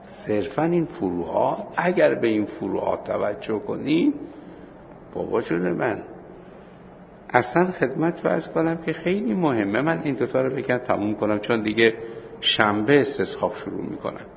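Gravelly man teaching a seminary class. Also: medium pitch, lively intonation, muffled recording, slight background noise. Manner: storytelling, acting out dialogue, slows for points of law. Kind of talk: Islamic law lesson with anecdotes.

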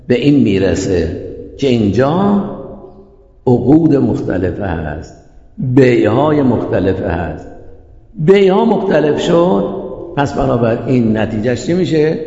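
A man's voice: mid-range voice, vocal fry, dark tone. A man teaching a class, explaining step by step and checking with rhetorical questions. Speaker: teacher of Islamic jurisprudence. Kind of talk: classroom lecture. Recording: echoey hall, dull lo-fi sound.

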